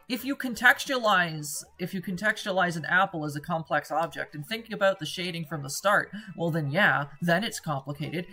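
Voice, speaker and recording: A woman with a low but bright, forward voice and a mixed Atlantic and American accent gives casual gameplay commentary. She rambles through tangents and swears offhandedly as she plays. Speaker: let's play host.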